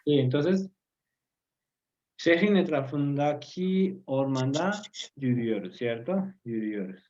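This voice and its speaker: A man's voice: mid-range voice, expressive, slow, a little mellow, muffled recording. A man teaching a language lesson to an online group, patiently explaining with frequent fillers and checking understanding with tag questions. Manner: hesitant, many fillers. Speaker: Turkish teacher. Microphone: video call.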